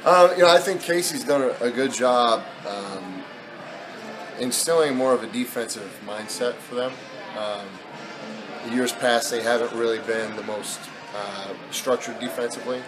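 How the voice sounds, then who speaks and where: A man's voice: mid-range voice, a little slow, music in the background, rough recording. A man in his thirties, a basketball head coach, talking candidly with many fillers in a postgame press interview. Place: indoor press backdrop at an arena.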